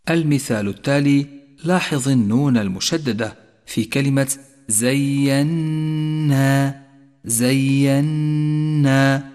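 A man teaching Quran recitation rules, explaining calmly and chanting the examples slowly. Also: medium pitch. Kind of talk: tajweed lesson with slow recited examples. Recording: long reverb.

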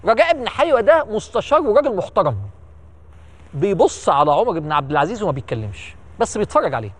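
A man with an Egyptian accent telling history as an animated, emphatic storyteller who repeats words for effect. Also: high voice, fast talker. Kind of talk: lively storytelling lecture.

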